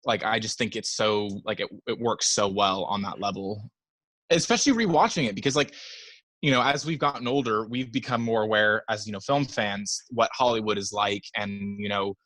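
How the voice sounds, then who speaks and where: A man's voice: lowish voice, normal speed, a bit bright, no room sound. A young man talking about films in a casual podcast chat, enthusiastic and rambling with many fillers. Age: young adult. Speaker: podcast guest.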